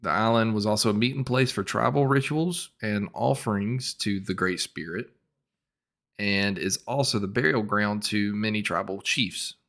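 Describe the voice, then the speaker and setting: A man co-hosting a podcast, reading out history from notes, spelling names letter by letter and trailing off quietly at sentence ends. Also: fairly low pitch, moderate pace. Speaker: podcast co-host. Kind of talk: casual podcast chat.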